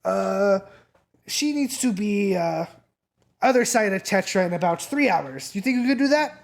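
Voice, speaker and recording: Dm doing a sleazy club dealer guy, talks way higher and louder, pushy and wheedling. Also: animated, unhurried, vocal fry. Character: shady eager human drug dealer man in a club.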